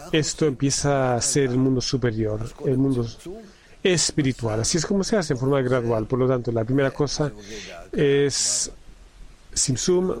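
A man interpreting a spiritual lesson live. He relays it in halting phrases, with frequent restarts and repeated words. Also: medium pitch, darkish tone. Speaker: simultaneous interpreter.

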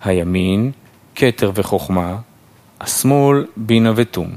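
A man's voice: lowish voice, expressive, darkish tone. A man reading a Kabbalistic text aloud section by section, with short explanations between the passages. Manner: measured, phrase-by-phrase recitation with explanatory asides. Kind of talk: steady study reading with numbered sections.

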